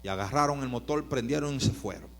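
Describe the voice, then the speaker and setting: A man preaching a storytelling sermon, swinging from loud emphatic bursts to quiet narration. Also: mid-range voice, quick pace, creaky.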